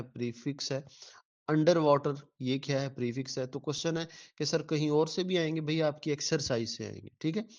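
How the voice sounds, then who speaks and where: A man's voice: fairly high pitch, muffled recording. A male teacher giving an exam-prep lecture, patiently repeating words syllable by syllable and answering his own questions.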